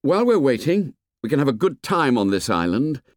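A man's voice: medium pitch, very animated, brisk, no echo, studio quality, pitched above the performer's own voice, natural voice. A man voicing an earnest, commanding schoolboy leader in an audiobook, speaking in short emphatic phrases. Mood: upbeat. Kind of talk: audiobook character voice.

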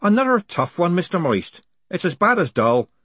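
A man voicing a brisk young woman with dry wit, explaining patiently. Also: high voice, sing-song, a bit bright, slightly rough, no room sound, pitched above the performer's own voice, full character voice.

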